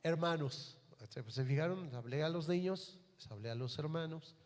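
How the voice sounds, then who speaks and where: A man's voice: on the high side, normal speed. A man with a Mexican accent, a pastor preaching a sermon in a church, telling a story and then speaking earnestly and directly to parents and the congregation. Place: church hall. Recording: long hall reverb.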